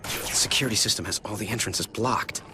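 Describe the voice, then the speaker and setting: A man's voice: fairly low pitch, fairly quick, background noise, natural voice. A man voicing a young, cocky, wisecracking superhero with an American accent in a video game. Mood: flippant, upbeat. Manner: flippant, quippy, incredulous. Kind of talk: animated video game voice acting. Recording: loud music behind the voice.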